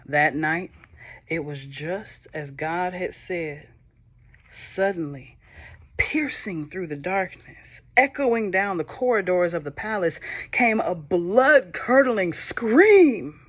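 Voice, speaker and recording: Her voice fairly low, a woman narrates a children's Bible story slowly and with feeling. She whispers softly in places and adds lighthearted comments for young listeners.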